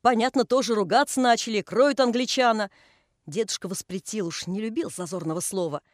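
A woman's voice: mid-range voice, fairly quick, lightly acted. An old, devout carpenter, played by a woman chides in a homely, folksy way and spins long stories of the old days. The voice is close and dry with no room echo, in a storybook reading. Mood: reminiscing. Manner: folksy, chiding. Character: pious old male carpenter, scolding, storytelling.

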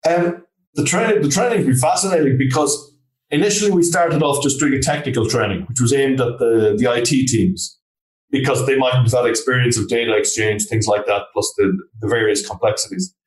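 A trainer and consultant from Galway, Ireland, appears as an interview guest, answering informally and in plain words with a west of Ireland accent. His medium-pitched voice is a little fast and sits far from the mic, in a roomy, echoing recording.

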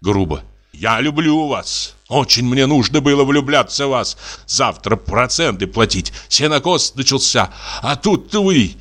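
A man playing a blunt, hot-tempered middle-aged landowner, blustering and halting, as in an audiobook drama reading. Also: medium pitch, expressive, a bit bright. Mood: exasperated. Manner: blustering, halting, self-mocking.

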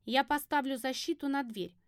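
A woman's voice: high voice, normal speed, dry recording, studio quality, natural voice. A woman doing a bossy young prince. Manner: bossy, insistent. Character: smug young male prince, demanding.

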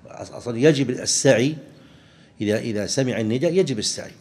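A man, a religious teacher explaining a legal text to students, halting and often restarting his words. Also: mid-range voice, darkish tone. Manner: halting, with frequent restarts and pauses.

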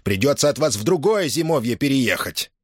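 A man's voice: mid-range voice, sing-song, fairly quick, no echo, clean studio sound, voice pushed up. A man reading a novel aloud, voicing a bullying grown cossack farmer who barks orders. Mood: angry. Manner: mock-tender coaxing turning to barking orders.

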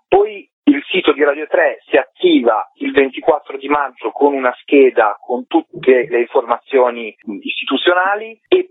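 Over a tinny, narrow-band phone line with no room sound, a man with a slightly high voice speaks as a documentary director being interviewed. He's articulate, discursive and reflective as he explains his subject.

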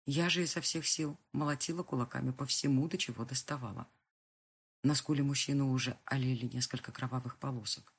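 A woman narrating a first-person audiobook with a husky voice and tense dramatic reading. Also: rumbling low.

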